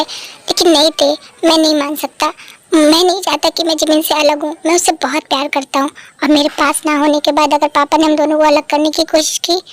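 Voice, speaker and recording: A woman's voice: high voice, fairly bright tone, dry recording. A woman voicing a rebellious teenage son who refuses his father's orders in a fan dub. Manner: defiant, upset.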